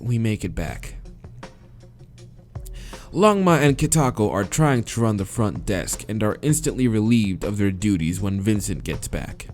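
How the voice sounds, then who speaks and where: Reading a visual novel for a let's-play, the man sounds lowish and dark, keeping things crude and casual while sometimes fumbling his words, with game music underneath.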